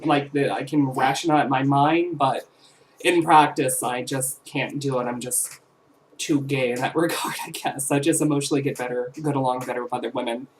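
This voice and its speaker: A woman's voice: rumbling low, fairly even intonation, moderate pace, slight background noise, low-quality recording. A woman in her twenties chatting casually to camera as a vlogger, rambling with fillers and self-corrections. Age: 20s.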